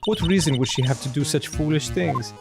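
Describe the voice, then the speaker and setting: A man's voice: fairly high pitch, brisk, vocal fry. A man voicing a haughty young woman prosecutor in a put-on German accent over game music. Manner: dramatic, mocking. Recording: video game music behind.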